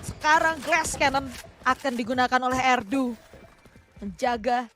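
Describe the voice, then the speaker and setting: A woman's voice: high voice, measured pace, fairly bright tone, faint music behind. A woman with an Indonesian accent giving play-by-play esports commentary, mixing English gaming terms into her calls.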